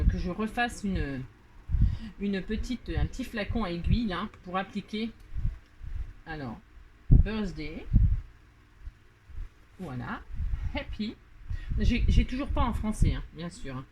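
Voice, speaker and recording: A French-accented woman talks her way through a card-making tutorial, chatty and joking at her own expense, with lots of hesitations and repeats. Her pitch sits mid-range for a woman. A steady background noise and clicking run under the recording. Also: unhurried, long pauses. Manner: chatty and self-mocking, many fillers and repeated words. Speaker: crafting tutorial host. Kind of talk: casual crafting tutorial.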